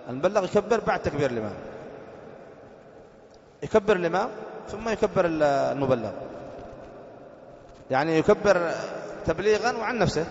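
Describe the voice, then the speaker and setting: A sheikh teaching a classroom lesson on Islamic jurisprudence, explaining slowly, repeating phrases and asking his students questions. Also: on the high side. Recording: dull echoey hall recording.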